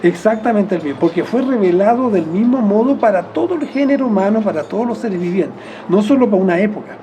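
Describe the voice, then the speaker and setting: Speaking quickly and expressively in a high voice, a Chilean-accented interviewee rambles reflectively through his explanations. He keeps correcting himself partway through phrases and laughs quietly now and then, over slight background noise.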